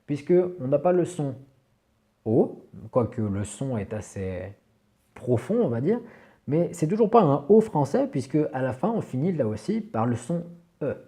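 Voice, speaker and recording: A man whose first language is French, patiently teaching English pronunciation in a video lesson and repeating each word slowly. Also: a little high, big pitch swings, warm tone.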